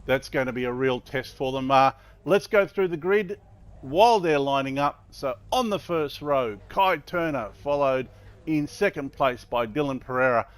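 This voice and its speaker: A man's voice: mid-range voice, normal speed, clear, resonant tone. A man calling a motor race live as a commentator, running through drivers and the action.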